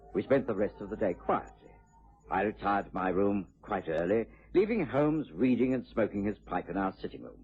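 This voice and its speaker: An actor playing a genial British gentleman doctor who narrates a vintage radio detective drama. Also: lowish voice. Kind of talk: scripted first-person radio drama narration. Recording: tinny, muffled vintage radio recording with music.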